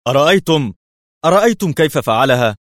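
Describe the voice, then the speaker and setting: A man's voice: on the high side, quick pace, no echo, studio quality, pitched above the performer's own voice. A man voicing astonished male police officers who cry out in disbelief. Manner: loud excited cries.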